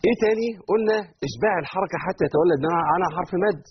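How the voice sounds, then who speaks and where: Egyptian guy teaching quran recitation, talks fast, animated, faint hiss in the background. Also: high-pitched. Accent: Egyptian Arabic. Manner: animated, rising sharply on his examples. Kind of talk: religious lesson. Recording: dull lo-fi recording, faint noise.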